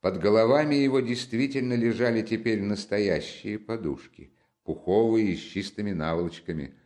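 A man reading a classic novel aloud as narrator, in measured, expressive storytelling. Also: lowish voice. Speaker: audiobook narrator. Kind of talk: scripted literary narration.

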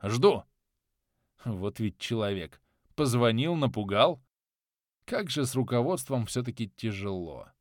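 Guy reading an audiobook, wry and chatty, lively pitch, dry close mic. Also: measured pace, no echo. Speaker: audiobook narrator. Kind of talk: first-person audiobook narration.

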